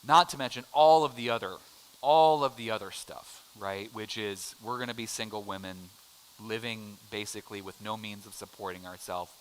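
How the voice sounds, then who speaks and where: Quizzing his students with jokes and friendly chatter, a middle-aged man from the United States leads an informal adult Bible class in a church classroom. He speaks at a normal speed in a lowish voice. The sound is poor.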